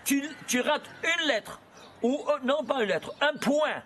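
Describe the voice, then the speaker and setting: Animated man teaching, high lively voice. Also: unhurried, a little hiss or hum. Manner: animated, asks and answers his own questions. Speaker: Torah teacher. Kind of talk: lively lesson on gematria.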